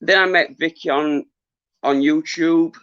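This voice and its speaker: Man, middle-aged, voice starting to go, earnest halting livestream chat, dry close sound, slightly dull audio. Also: fairly high pitch, fairly even intonation, a bit bright, smooth, dry recording. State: losing his voice. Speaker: livestream host, former boxer. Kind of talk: casual livestream chat with viewers.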